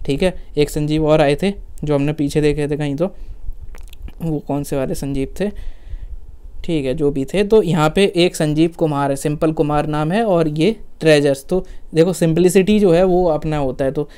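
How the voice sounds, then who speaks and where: Mellow, smooth-voiced Hindi exam tutor. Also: male voice, a little high, normal speed. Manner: chatty, repeats "theek hai" and "hai na"; forgets names and corrects himself mid-sentence. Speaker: exam-prep teacher. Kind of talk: casual Hindi lecture with memory tricks.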